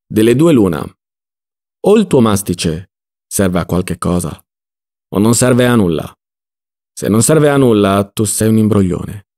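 Male reader doing a shouting, indignant landowner with a gravelly edge; audiobook. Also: lowish voice, animated, a little slow, long pauses. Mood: scolding. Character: irascible rich male landowner, quick to shout.

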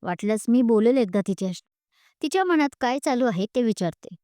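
A woman doing a gentle, soothing younger sister. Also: on the high side, animated, brisk, no echo, studio quality, lightly acted. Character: caring younger sister, a student.

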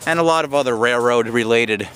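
A man exploring abandoned railroad tracks narrates fairly quickly in a mid-range, fairly bright voice while trekking through overgrown woods. Talking into a handheld camera mic, he rambles and restarts, and outdoor sounds come through behind his voice.

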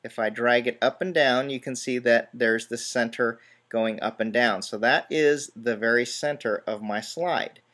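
A man explaining software steps one by one in a relaxed screen-recorded tutorial, with small self-deprecating asides. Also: mid-range voice, measured pace, hardly any pauses. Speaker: tutorial host.

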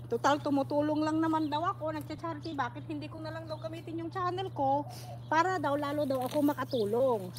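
High-voiced woman chatting in her garden. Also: darkish tone. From Philippines. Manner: chatty, rambling, reads viewer comments aloud. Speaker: vlogger. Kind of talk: casual live vlog chat. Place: outdoor garden, weeding. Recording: clear outdoor noise with birds.

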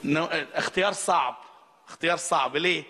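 A man's voice: fairly high pitch, brisk, a little hiss or hum. A male pastor with an Egyptian accent, preaching a sermon in a conversational way, asking the congregation questions. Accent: Egyptian Arabic. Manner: conversational preaching with rhetorical questions, grows animated. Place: church hall. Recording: reverberant church hall.

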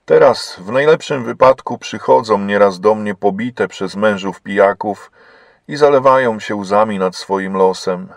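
A man voicing a weary old woman of faith who speaks in a sorrowful, measured way. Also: on the low side, creaky, dry recording, clean studio sound.

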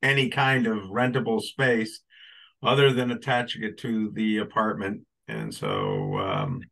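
A man's voice: on the low side, lively intonation, a little slow, creaky, pushed and bright, poor audio. A man who owns a property, heard over a group video-meeting call, explaining his permit request at a public hearing in an easygoing, rambling way. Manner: easygoing, rambling, with many fillers. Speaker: property owner applying for a permit.

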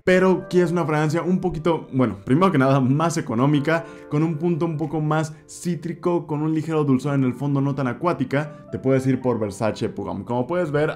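With a fairly high, slightly mellow voice, a Mexican Spanish-accented fragrance reviewer in his twenties chats through his perfume picks for a vlog. He gestures a lot and repeats words for emphasis. Perfume shelves fill the room around him, and he's recorded on a desk mic in front with the camera at mid distance.

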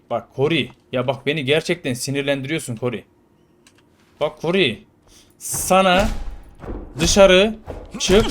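A man playing a prison game and chatting casually over it, playful and slangy, now and then shouting loudly at the characters. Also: a little high, a little hiss or hum. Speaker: gaming YouTuber. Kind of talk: casual let's-play commentary.

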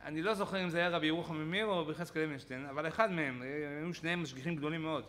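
A man, a rabbi giving a Torah lesson in a study hall, telling stories with lively acted-out quotes. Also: on the high side, slight background noise. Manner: animated storytelling with acted-out quotes.

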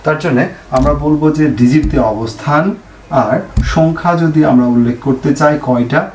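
A man's voice: on the high side, a little fast, a little mellow. A male chemistry teacher giving an online lesson, asking questions and answering them himself and repeating the key points. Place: home room, fan switched off. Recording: echoey room, faint noise.

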